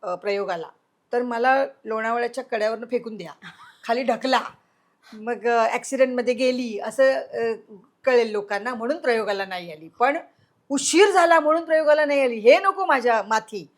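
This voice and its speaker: A middle-aged woman telling a story in an interview, acting out quoted voices and swinging between loud and hushed. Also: on the high side, normal speed.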